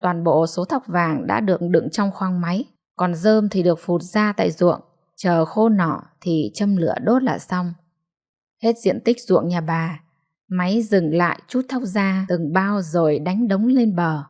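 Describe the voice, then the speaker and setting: Woman reading a story aloud. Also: fairly low pitch. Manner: steady, measured storytelling. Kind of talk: scripted narration.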